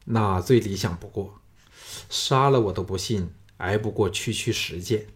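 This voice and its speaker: Man voicing a relaxed, wry swordsman hero. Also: lowish voice, measured pace, breathy edge.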